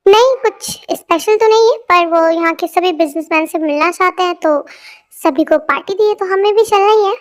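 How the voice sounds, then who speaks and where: A woman voicing a calm businessman father. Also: very high voice, normal speed.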